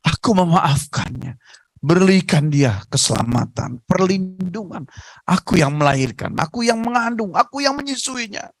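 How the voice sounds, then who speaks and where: A woman's voice: lowish voice, expressive, normal speed, no room sound, pitched above the performer's own voice. A man voicing an old mother who pleads with her violent son and then prays in tears for him. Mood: tearful prayer. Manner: tearful, begging.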